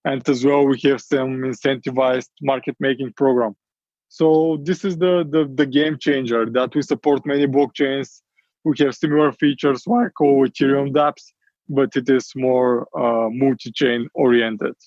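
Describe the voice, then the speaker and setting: A man answering interview questions in quick bursts, with many fillers along the way. His voice sounds dry and close, with no room around it. The audio is a little dull and muffled, as on a remote call. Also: medium pitch, fairly even intonation, a little mellow, no echo. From Bulgaria. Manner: quick, eager explanations with frequent fillers. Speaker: startup CEO guest.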